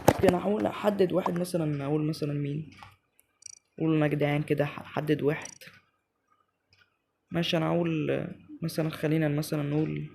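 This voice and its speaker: A man with an Egyptian Arabic accent giving excitable live commentary as he plays a game, talking straight to his viewers. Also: a little high, quick pace, creaky, long pauses, slight background noise. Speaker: gaming channel host.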